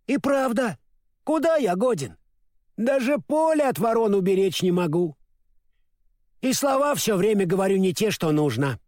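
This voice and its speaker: Man voicing a high, bouncy scarecrow who trips over his words; storybook, dry close sound. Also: very animated, moderate pace, a little mellow, no room sound. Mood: storytelling. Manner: stammers, mixes up words then corrects himself. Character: clumsy naive straw scarecrow, male, cheerful. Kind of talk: storybook reading.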